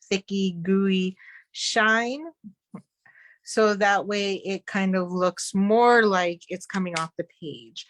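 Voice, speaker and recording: A woman teaching a live virtual card-making class, chatty and quick to laugh at her own slip-ups. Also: mid-range voice, slight background noise.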